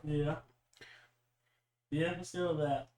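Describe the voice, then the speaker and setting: Higher-voiced man running the game in an echoey room. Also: fairly even intonation, slow pace, darkish tone. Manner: short replies and rulings. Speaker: game master.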